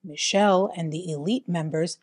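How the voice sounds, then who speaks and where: A woman's voice: lowish voice, normal speed, dry recording. A woman hosting a vlog who talks in a casual, chatty way and fills her sentences with "like" and "whatever.". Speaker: host. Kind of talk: casual chat.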